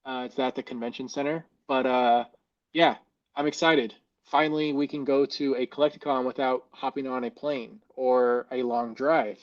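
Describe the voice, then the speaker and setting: A man with an American accent chatting casually as a podcast guest, feeling for his words, his voice muffled as if underwater in a fishbowl. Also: medium pitch. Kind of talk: casual chat.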